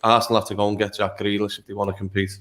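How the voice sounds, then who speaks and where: A man's voice: on the low side, flat delivery, rapid-fire, fairly bright tone. A man speaking as a guest in a casual football panel chat.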